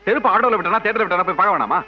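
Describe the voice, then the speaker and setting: A man's voice: high voice, expressive, muffled recording. An actor playing a thrifty, irritable middle-aged father who scolds his family and grumbles about money. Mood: grumbling. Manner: grumbling, scolding, quick-tempered. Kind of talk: film scene acting.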